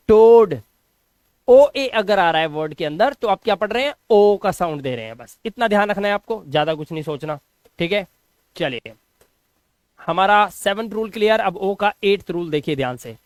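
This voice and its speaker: Male teacher, high pitch, dry close mic, repeats each example word. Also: dry recording. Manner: repeats questions and drills words aloud. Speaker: English teacher. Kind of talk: classroom explanation.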